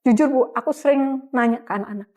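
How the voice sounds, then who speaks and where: A woman's voice: sits high, fast, dark tone. A middle-aged woman, telling her story as an interview guest in a casual, chatty way with frequent laughs and fillers.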